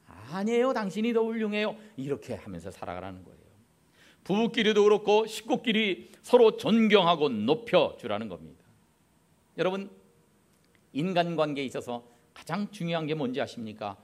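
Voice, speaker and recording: A man's voice: a little high, very animated, moderate pace. A middle-aged man preaching a Sunday sermon as pastor in a church, acting out little family quarrels as he goes. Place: church sanctuary.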